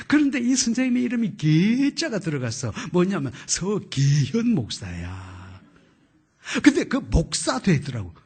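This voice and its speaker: An older man preaching, telling a personal story and acting out voices, swinging from whispers to shouts. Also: on the high side, gravelly, slightly rough. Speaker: pastor. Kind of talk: storytelling sermon.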